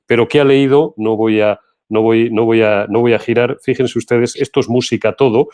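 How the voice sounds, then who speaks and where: A man's voice: fairly even intonation, normal speed, darkish tone, clean tone. Brief: male host, Castilian Spanish accent, indignant and emphatic, mid-range voice, political commentary. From Spain. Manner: emphatic, indignant, pitch rising when heated. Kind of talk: political commentary talk show.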